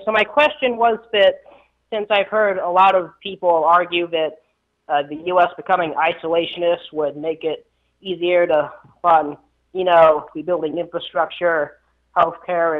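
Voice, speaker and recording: Young guy caller on the phone, kinda high voice, stammery, muffled line. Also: little pitch movement. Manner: halting, stammering at first, then a rushed long question. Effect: calling in over a phone line. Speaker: radio show caller.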